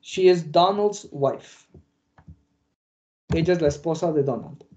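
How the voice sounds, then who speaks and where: A man's voice: fairly high pitch, lively intonation, slow, warm tone, a little hiss or hum. A man teaching an English lesson online, explaining patiently with fillers, in dull lo-fi audio.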